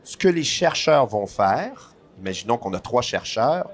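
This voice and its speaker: A man explains a board game's rules at a festival stand, patiently and one step at a time. His pitch sits in the middle range, and now and then he slips in a dry joke. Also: very animated, a little slow. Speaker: board game publisher guest.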